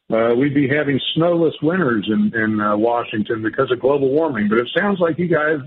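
Male talk radio host, rough husky tone, hesitant conversational phrasing, muffled broadcast audio. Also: mid-range voice. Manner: halting, repetitive phrasing. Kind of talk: casual interview chat.

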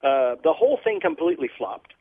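A man's voice: fairly high pitch, big pitch swings, fairly quick, no echo. A man from Portugal, a guest explaining his ministry earnestly in a radio interview. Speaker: guest, children's ministry leader. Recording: tinny phone line.

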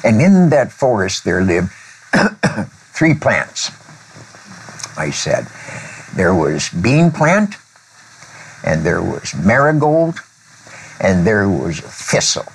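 An older man, a former preacher, telling a children's story during a conversation. He talks deliberately, with pauses and throat-clearing. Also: on the low side, big pitch swings, slight background noise, poor audio.

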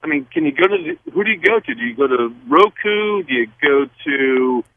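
A man's voice: fairly high pitch, expressive, a little fast, dry recording. A man calling in to a radio show over the phone, rambling and restarting his questions. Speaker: caller. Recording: tinny phone line.

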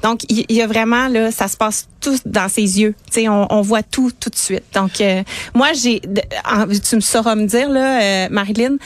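A woman's voice: fairly high pitch, moderate pace, no room sound. Earnest woman guest, dry studio sound, explains with conviction. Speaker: wedding planner guest. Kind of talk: radio interview.

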